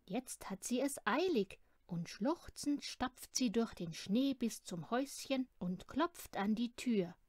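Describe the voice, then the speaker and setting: A woman reading a children's storybook aloud in an unhurried, expressive way. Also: on the high side, dry recording, clean studio sound. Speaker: storybook reader.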